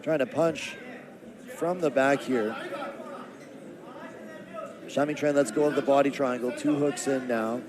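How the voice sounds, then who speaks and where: A man giving live MMA play-by-play commentary in a measured, descriptive announcer style. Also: medium pitch. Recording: crowd noise and music behind. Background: arena crowd and music.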